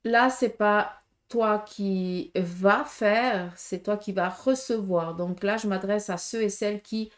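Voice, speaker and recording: Speaking slowly in a medium-pitched voice with few pauses, a tarot reader with a Swiss French accent gives viewers a casual reading. Her manner is direct and frank, full of fillers and tag questions.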